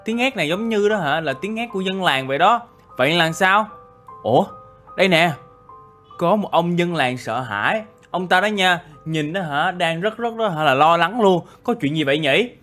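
Lively young man. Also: high voice, normal speed. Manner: lively, exclaiming, chatty. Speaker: gaming YouTuber. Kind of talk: game story narration. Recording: faint background music.

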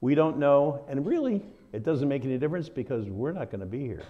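A man with a Southern American drawl leads a church Bible study, talking in a loose, folksy way. His voice sits at an ordinary middle pitch. The recording is slightly dull and muffled. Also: big pitch swings, a little fast. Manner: conversational, folksy, with asides.

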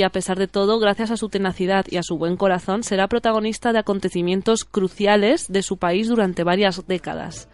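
A woman hosting a film show, presenting in a semi-scripted way. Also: medium pitch. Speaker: radio film show host.

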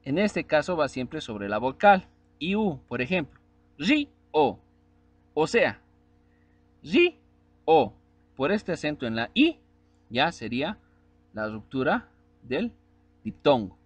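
Lively male teacher spelling out syllables. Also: fairly high pitch, no echo. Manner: spells out syllables and vowels slowly, asks checking questions. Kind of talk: spelling lesson.

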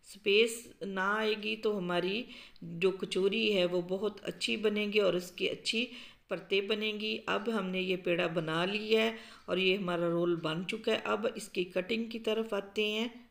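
Gravelly-voiced woman explaining a recipe. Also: medium pitch, unhurried. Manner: calm, explanatory, with frequent um fillers. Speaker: cooking show host. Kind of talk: step-by-step cooking instructions. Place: home kitchen.

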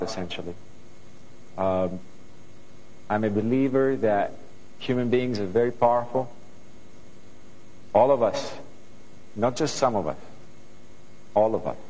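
This guest composer from Greece is middle-aged and has a Greek accent; he addresses a student audience on a studio stage through a lapel mic, earnest and thoughtful, with frequent restarts. His lowish voice is a little mellow. The rough recording has a long reverb tail and a bit of hiss or hum.

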